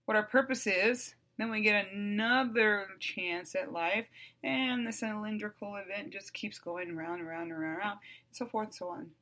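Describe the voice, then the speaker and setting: A woman's voice: medium pitch, bright, forceful tone. A woman in her forties from the United States, hosting a podcast solo and talking bluntly, swearing freely and repeating phrases for emphasis. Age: 40s. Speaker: podcast host. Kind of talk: casual solo podcast monologue.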